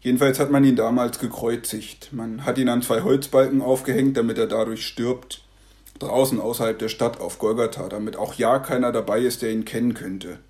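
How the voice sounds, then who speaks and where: A man voicing a gentle, thoughtful old grandfather who speaks calmly and reflectively. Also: medium pitch, normal speed, natural voice. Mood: storytelling. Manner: calm, reflective.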